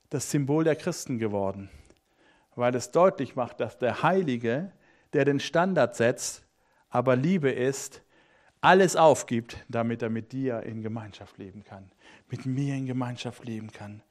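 A man's voice: mid-range voice, measured pace, a little mellow. A man preaching a sermon, reading scripture aloud and then explaining it with emphatic repetitions, speaking directly to his listeners. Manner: interjects hallelujah, addresses listener directly.

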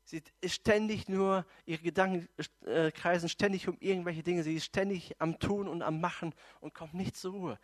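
A man preaching a sermon to his congregation, telling a story with lively asides, rhetorical questions and acted-out quotes. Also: high-pitched, normal speed, hardly any pauses, dry recording. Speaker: pastor.

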